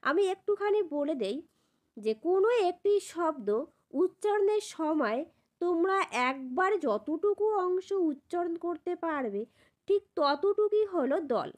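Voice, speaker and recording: A woman teacher explaining a grammar lesson step by step. She spells out syllables slowly and keeps asking whether her students follow. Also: high-pitched. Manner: repeats a checking question at the end of each point.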